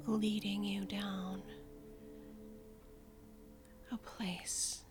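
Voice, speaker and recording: A woman's voice: mid-range voice, little pitch movement, takes it slowly. A woman doing an ASMR role-play of hypnosis, intimate and seductive, soothing commands breathed as if right into the listener's ear. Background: music with singing bowl tones.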